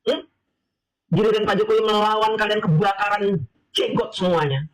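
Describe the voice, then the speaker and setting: A man's voice: high voice, moderate pace, rough recording. A man hosting a reaction video, mocking and taunting with rhetorical questions. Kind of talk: casual reaction commentary.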